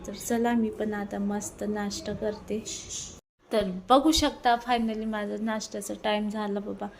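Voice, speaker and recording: A middle-aged woman chats informally for a home cooking vlog, hoarse from a sore throat, her voice giving out. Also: mid-range voice, flat delivery, unhurried, a little hiss or hum. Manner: chatty, repetitive, informal. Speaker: homemaker video blogger. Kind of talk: casual cooking vlog chat. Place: home kitchen.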